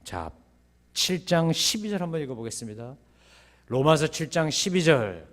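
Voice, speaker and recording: A man preaching a sermon as pastor, asking rhetorical questions and breaking into sudden loud, high bursts. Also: very animated, normal speed.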